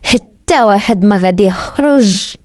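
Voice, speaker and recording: A woman's voice: medium pitch, normal speed, darkish tone, dry recording, clean studio sound, pitched below the performer's own voice, lightly acted. A woman with a Moroccan accent voicing a cruel, menacing cursed queen. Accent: Moroccan Arabic. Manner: menacing, shrieking in rage. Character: cruel cursed queen, half gold, half skeleton.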